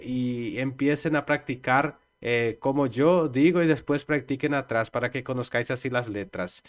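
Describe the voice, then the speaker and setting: Slow, patient male language teacher. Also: medium pitch. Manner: patient, repeats letters and sounds aloud. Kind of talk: slow explanatory online lesson.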